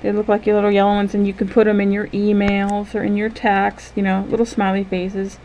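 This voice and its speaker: Mellow-voiced woman guiding an imagery lesson. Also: medium pitch, monotone, dull audio, slight background noise. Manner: gentle, unhurried, checks in often with "okay?".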